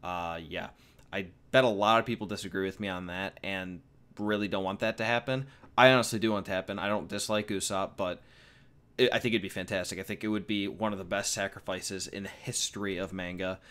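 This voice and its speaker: A deep, smooth, slightly bright voice with a steady tone belongs to a 21-year-old from the United States speaking fairly quickly. He rambles and jokes his way through viewer questions in a casual Q&A vlog, repeating himself and using fillers.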